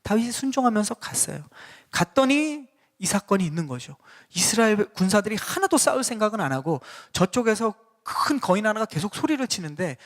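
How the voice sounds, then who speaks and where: A man's voice: sits high, big pitch swings, a little fast. A male pastor preaching a sermon in a church and putting questions directly to the congregation. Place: church sanctuary.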